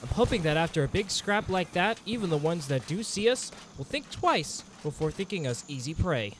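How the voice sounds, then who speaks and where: With a fairly high, fairly bright voice, a very animated man narrates a scripted monster-hunting adventure in the first person at normal speed, dramatically telling the tale. Music backs him, along with slight background noise.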